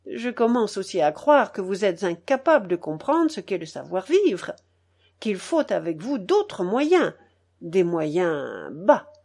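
A woman's voice: medium pitch, big pitch swings, takes it slowly, darkish tone, full character voice. A woman reading the part of a stern elderly aristocratic grandmother who scolds coldly and with emphasis. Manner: cold, emphatic, scolding with raised voice.

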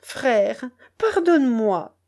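A woman's voice: on the high side, sing-song, slow, a little mellow, pitched above the performer's own voice, full character voice. A woman voicing a remorseful young male peasant who begs for forgiveness in a tearful voice, in a storybook reading. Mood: tearful pleading. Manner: begging, tearful.

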